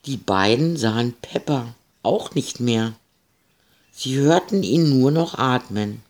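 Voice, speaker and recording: A man reading a children's story aloud, gentle and expressive. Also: medium pitch, takes it slowly.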